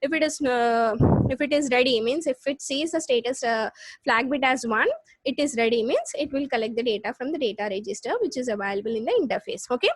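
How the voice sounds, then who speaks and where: A woman with a South Indian accent teaching a live online class, explaining step by step with repeats and halting restarts. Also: a little high, no echo. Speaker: computer science lecturer. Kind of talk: live online lesson with check questions.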